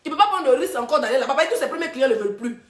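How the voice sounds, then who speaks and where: Woman, high voice, mocking live-stream host, echoey phone audio. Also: lively intonation, rapid-fire. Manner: taunting, chanting insults, laughing.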